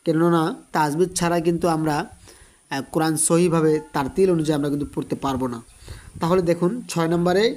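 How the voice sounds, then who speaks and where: A man giving an online Quran reading lesson, who spells out letters slowly and repeats them for his students. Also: a little high, darkish tone. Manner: slow, repetitive spelling-out of letters; addresses students directly, encouraging.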